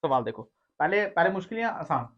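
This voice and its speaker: High-voiced teacher quizzing his class. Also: sing-song, a little fast, highs cut off. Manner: quizzing students, teasing and scolding. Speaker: physics teacher. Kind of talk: classroom lecture with call-and-response.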